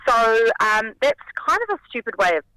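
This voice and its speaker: A New Zealand woman, croaky with a cold, phoning in to a radio show to explain things in a casual, chatty way. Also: fairly high pitch, very animated, brisk, pushed and bright, dry recording. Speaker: radio segment contributor. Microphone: telephone. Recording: tinny phone line.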